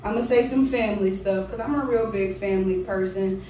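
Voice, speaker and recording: Speaking briskly in a medium-pitched voice, a woman headlines a small living-room poetry night, giving her spoken word a rhythmic, emphatic delivery and chatting loosely between pieces. The recording comes from a distant mic in a very echoey room with a faint hum.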